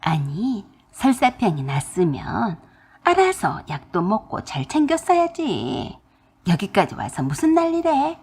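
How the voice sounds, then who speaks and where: A woman's voice: medium pitch, wildly swooping pitch, measured pace, a little mellow, slightly rough, exaggerated voice. A woman voicing a selfish sister-in-law who complains in a sarcastic tone for a radio drama. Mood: whiny.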